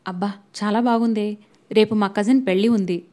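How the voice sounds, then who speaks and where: A woman's voice: mid-range voice, fairly even intonation, moderate pace, warm tone, lightly acted. A woman reading a carefree young woman in an audio novel. Her tone is casual and breezy, and she brushes concerns aside.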